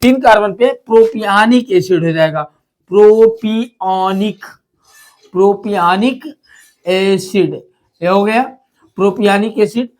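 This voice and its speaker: A man's voice: high voice, normal speed. A man teaching a chemistry lesson, repeating key terms and asking and answering his own questions. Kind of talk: classroom lesson explanation.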